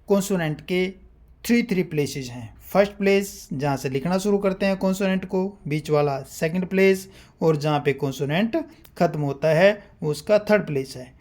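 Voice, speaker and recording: A man's voice: high voice, warm tone. A man teaching shorthand, explaining step by step and sounding out example syllables one at a time. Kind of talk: classroom-style explanation.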